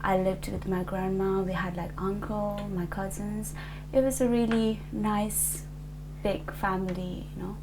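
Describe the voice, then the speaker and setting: A woman's voice: mid-range voice, steady tone, unhurried, background noise. A woman in her twenties from Nepal, answering an oral history interview hesitantly, with many fillers and restarts. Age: 20s.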